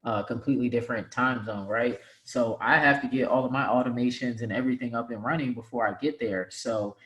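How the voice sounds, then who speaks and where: Male guest, twenties, laid-back rambler, mid pitch, echoey room. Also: brisk. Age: 20s. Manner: relaxed, rambling, many fillers like "like" and "right?". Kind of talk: casual interview chat. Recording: roomy, echoey room sound.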